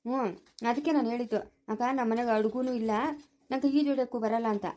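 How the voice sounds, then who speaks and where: A young woman rattles off her lines quickly in a high, bright voice, with a rural Chikkaballapur Kannada accent. She plays a village comedy skit, coaxing and consoling the others in long, chatty runs. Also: steady tone. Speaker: family skit performer.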